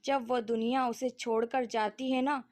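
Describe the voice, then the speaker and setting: A high, complaining voice of a fed-up middle-aged wife, put on by a woman reading a story aloud. She snaps and grumbles, exasperated and short-tempered, in a storybook reading. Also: flat delivery, measured pace, a little mellow, natural voice. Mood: reflective.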